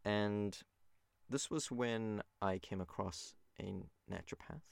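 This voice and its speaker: A man's voice: fairly low pitch, slow pace, vocal fry, clean tone, no room sound. A man born in Japan and raised abroad, hosting a solo podcast in an earnest, loose way with frequent fillers. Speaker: podcast host.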